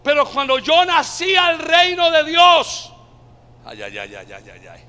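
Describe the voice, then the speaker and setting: A Colombian man preaching a sermon, calling out to the congregation and rising to shouted climaxes. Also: very high-pitched, wildly swooping pitch, measured pace, long reverb tail. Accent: Colombian Spanish. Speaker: pastor.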